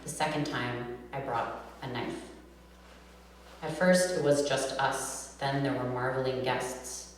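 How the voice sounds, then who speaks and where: A nasal-voiced American woman from New York City reads her own poetry live, casually introducing each poem in her own words. Her voice is extremely low, her tone steady, and she takes her time. She's in a reverberant room at a reading event, recorded by a distant mic in the echoey hall with humming noise.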